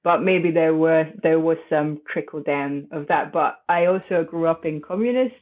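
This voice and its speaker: A woman's voice: low-pitched, normal speed. Hesitant woman on a tinny line. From Hungary. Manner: hesitant, many restarts and fillers, thoughtful. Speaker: podcast guest. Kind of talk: conversational interview. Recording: tinny phone-like remote line.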